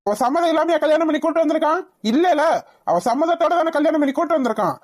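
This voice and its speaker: A woman's voice: sits high, lively intonation, fast, a little mellow. A woman voicing a stern middle-aged cartoon father who scolds firmly. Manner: firm, reproachful scolding. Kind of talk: cartoon voice acting.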